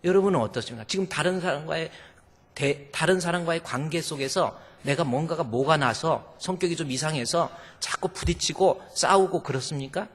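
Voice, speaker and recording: Man preaching, pastor, animated and playful, fairly high voice, long hall reverb. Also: brisk. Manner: animated, acts out quoted voices with humor. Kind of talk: sermon. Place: church sanctuary.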